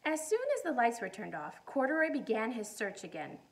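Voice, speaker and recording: A woman's voice: a little high, sing-song, a little fast, gravelly. A woman reading a children's storybook aloud like a teacher, expressively, with questions and simple explanations for her listeners.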